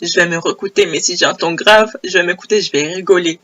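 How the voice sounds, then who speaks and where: Young woman, hoarse and a bit low, chatty storytime, keeps repeating stuff for emphasis. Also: quick pace, dull audio, slight background noise. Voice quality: low broken voice. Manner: animated, repeats phrases for emphasis. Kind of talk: casual storytime monologue. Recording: old homemade audio.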